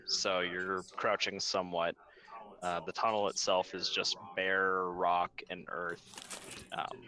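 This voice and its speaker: A young man with a low, bright-edged voice narrates a tabletop game as its game master. He talks in a relaxed, meandering way, stopping often for fillers. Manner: relaxed, hesitant with many fillers.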